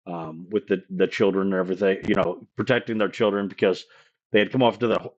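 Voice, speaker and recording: A man running a live-streamed tabletop game as game master, rambling and halting with many fillers. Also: low-pitched, fairly even intonation, muffled recording.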